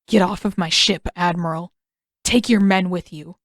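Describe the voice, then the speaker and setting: A woman's voice: on the low side, fairly even intonation, moderate pace, no room sound, clean studio sound, lightly acted. A woman doing a furious young prince. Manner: shouting, indignant, snapping. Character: angry young male prince, hot-tempered and proud. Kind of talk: fan audiobook reading.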